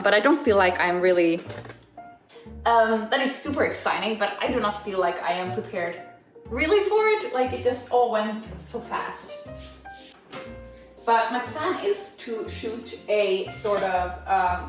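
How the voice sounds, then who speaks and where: In an echoey apartment with music behind her, a Finland-born Instagram vlogger whose first language is Swedish holds a laid-back Q&A. Her mid-range voice is expressive and unhurried. She chats freely, using plenty of fillers and soft restarts, and a distant mic captures it all.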